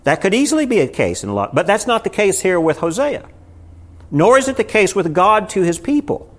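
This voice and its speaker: A man's voice: high voice, very animated, a little fast. A man, a pastor, teaching a small Bible study group in a church room, keeps asking the room questions. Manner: asks the room frequent rhetorical questions. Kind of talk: conversational sermon.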